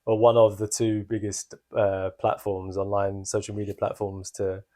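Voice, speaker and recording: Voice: sits low, level tone, normal speed, dark tone. A podcast co-host chatting casually and comedically, with a jokey, sarcastic, slangy way of talking.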